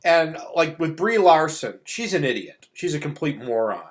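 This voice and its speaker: A middle-aged man hosting a movie review show launches into a casual, opinionated rant, blunt, scornful and exasperated. His voice is a little high, with big pitch swings, and he talks at a normal speed.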